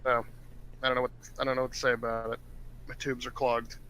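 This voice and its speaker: A man's voice: medium pitch, little pitch movement, fast talker, bright, forceful tone, a little hiss or hum. A man co-hosting a casual gaming podcast from home over a headset, rambling and joking with lots of fillers. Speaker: podcast co-host.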